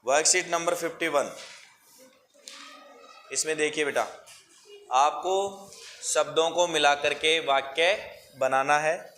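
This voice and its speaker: A man's voice: a little high, bright, forceful tone, slight background noise. A man teaching a class of small children, calling pupils up by name and coaxing them through each worksheet. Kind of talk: classroom lesson.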